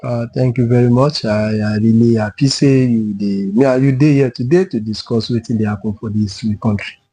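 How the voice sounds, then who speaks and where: A man's voice: medium pitch, steady tone, moderate pace, dark tone, slightly rough, no room sound, soft background music. A man with a Nigerian accent, co-presenting a programme in conversational Nigerian Pidgin.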